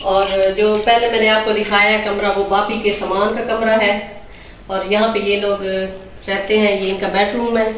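A woman's voice: medium pitch, level tone, normal speed. A middle-aged woman from Pakistan with a Pakistani Urdu accent, chatting to viewers as she gives a casual tour of a village house and its rooftop. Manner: chatty, addresses viewers as friends, points things out. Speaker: vlogger. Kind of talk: casual home tour vlog. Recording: roomy sound with clear background noise.

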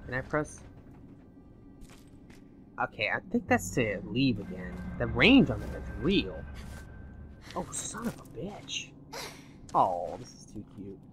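A young man doing let's play commentary, excitable and swearing at the game, his voice going hoarse. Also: medium pitch. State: losing his voice. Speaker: gaming channel host.

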